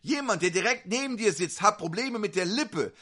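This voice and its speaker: A man's voice: high-pitched, animated, normal speed, sharp tone. A man preaching at a faith-healing service, fervently questioning individual listeners one after another. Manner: fervent, insistent.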